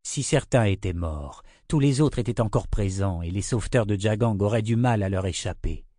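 A man reading a fantasy audiobook in a measured, steady narration. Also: fairly low pitch, no echo, clean studio sound.

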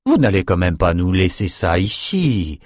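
Guy doing a smug sorcerer lord in an audiobook, lowish and bored-sounding, dry. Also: big pitch swings, normal speed, a little mellow, no echo. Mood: mocking. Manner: mocking, callous, amused. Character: sardonic nonchalant male sorcerer lord. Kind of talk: audiobook character voice.

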